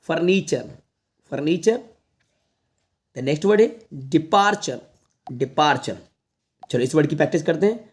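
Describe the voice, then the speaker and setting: A man leads an online lesson aimed at students. He reads each word slowly and repeats it several times. He keeps reassuring the viewers, who he calls children. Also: on the high side, lively intonation. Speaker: English teacher.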